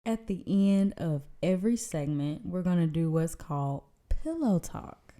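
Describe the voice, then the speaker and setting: A woman's voice: lowish voice, lively intonation, measured pace, warm tone. A woman co-hosting a relationship podcast in casual chat, agreeable and chatty. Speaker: podcast co-host.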